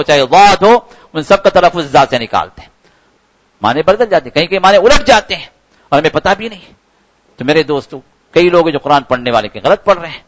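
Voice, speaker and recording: A man's voice: a little high, fairly bright tone, low-quality recording. A man giving a Ramadan sermon, earnest and repetitive, his voice rising sharply for emphasis. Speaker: preacher.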